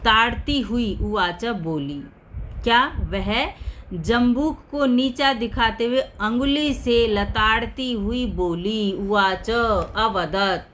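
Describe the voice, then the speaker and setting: A woman's voice: on the high side, slow pace, fairly bright tone, a little hiss or hum. A woman Sanskrit teacher explaining a text word by word, repeating each term and asking and answering her own questions.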